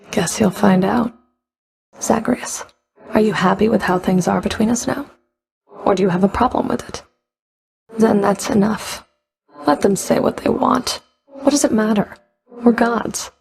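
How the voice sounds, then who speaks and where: An actress voices a stern, sardonic Fury overseeing the underworld in a video game. Her mid-range female voice is gravelly, creaky and slightly mellow. She sounds curt, dry, commanding and grudging.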